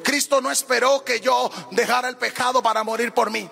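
A man's voice: extremely high pitch, steady tone, brisk, vocal fry, bright, forceful tone, soft background music. A man preaching a fervent sermon as a pastor, often lifting his phrases into a half-sung cadence.

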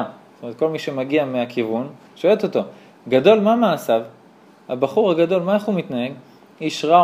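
A man, a rabbi, teaching a lively Torah class to a small live audience, telling stories, acting out dialogue and asking his listeners rhetorical questions. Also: on the high side. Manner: animated storyteller who acts out dialogue.

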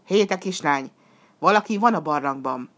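A woman voicing a fierce, greedy male devil monster in a storybook reading, booming and menacing. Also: lively intonation, a bit bright. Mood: furious.

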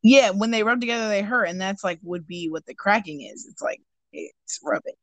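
A woman's voice: medium pitch, lively intonation, a little fast, dry recording. A young woman co-hosting a casual chat, joking and laughing often. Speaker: podcast co-host.

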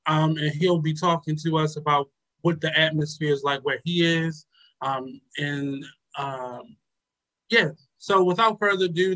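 A man's voice: on the high side, bright, forceful tone, rough recording. Hesitant male radio show host. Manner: hesitant, many ums and uhs. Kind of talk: casual reflective talk.

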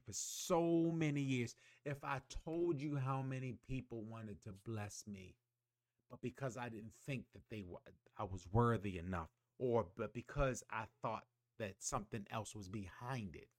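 A man's voice: lowish voice, a bit bright, no echo, clean studio sound. A man hosting a motivational podcast, preaching emphatically and calling on listeners to repeat after him. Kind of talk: motivational monologue.

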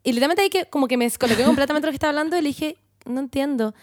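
A young Chilean woman telling a story in casual chat, animated and laughing as she acts out what people said. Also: high voice, rapid-fire, no echo, clean studio sound.

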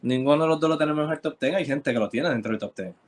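Hombre puertorriqueño que cuestiona. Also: male voice, fairly high pitch. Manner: questioning, probing, quick interjections. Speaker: podcast co-host. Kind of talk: casual sports debate.

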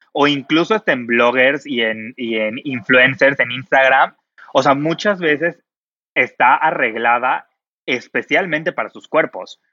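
A man, an image consultant chatting casually on a podcast, expressive and full of fillers. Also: medium pitch, dry recording, dull audio. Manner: expressive, uses many fillers like "o sea".

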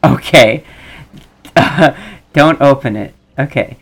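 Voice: medium pitch, drawn-out words, breathy edge. A game player giving casual, musing commentary and reading dialogue choices aloud.

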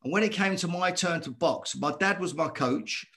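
Earnest former boxer, slightly high voice. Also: male voice, normal speed, vocal fry. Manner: earnest, animated, repeats himself. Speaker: guest, former boxer and coach. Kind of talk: conversational storytelling.

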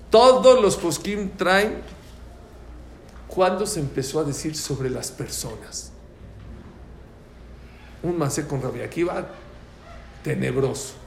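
Animated male teacher. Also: fairly high pitch, slight background noise. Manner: animated storyteller. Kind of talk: religious class on prayer. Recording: echoey room.

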